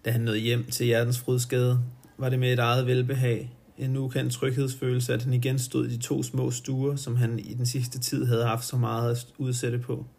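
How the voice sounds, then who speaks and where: Guy reading a book out loud, gravelly low voice, trips on words and fixes them. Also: monotone. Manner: halting, stops to correct his own slips. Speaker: reader. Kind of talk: reading a novel aloud to a loved one.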